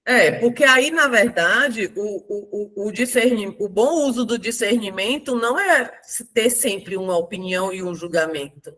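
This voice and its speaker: A woman with a mid-pitched voice leads a casual book discussion. She reflects aloud, laughs lightly between points, and keeps the talk moving among the group. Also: lively intonation, normal speed, few pauses, fairly bright tone. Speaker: book club host.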